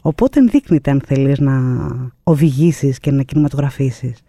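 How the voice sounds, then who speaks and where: A woman guest, a producer, telling an anecdote in a lively, expressive way with many fillers and pauses. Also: extremely low pitch, dry recording, clean studio sound. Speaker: producer and artistic director, guest. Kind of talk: animated storytelling anecdote.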